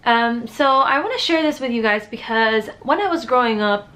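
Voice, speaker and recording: A young Dominican woman in her twenties, a vlogger, sits in her small, bright bedroom and talks openly to her camera in a candid sit-down vlog. Her slightly high, fairly bright voice is expressive and moves at normal speed, and she's earnest, with many fillers and restarts.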